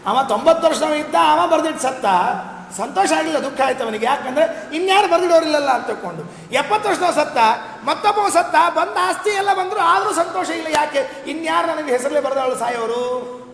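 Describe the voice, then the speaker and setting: A man giving a scripture discourse, telling stories and chanting verses slowly. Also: extremely high pitch, creaky, a bit bright. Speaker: religious discourse speaker. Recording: echoey hall, faint noise.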